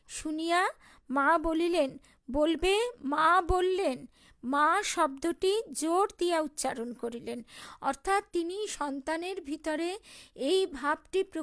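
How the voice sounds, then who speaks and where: Slow, high-voiced woman reading devotionally. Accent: Bengali. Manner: unhurried, reads memoir passages then explains them. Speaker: reading circle leader.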